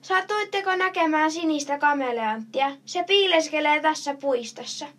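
A courteous young boy from a picture book politely excuses himself before asking for help, as a woman reads his part. His voice is high and gentle. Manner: polite, apologetic.

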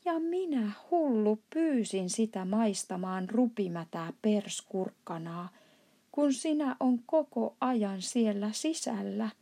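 A woman reading aloud plays a good-hearted giant from a storybook who fusses tenderly over a small friend. He talks softly, with a warm, breathy, slightly gravelly voice. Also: mid-range voice, animated. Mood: fond, indignant. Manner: soft and fond, turning to outbursts. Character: kind, gentle male giant with broken grammar.

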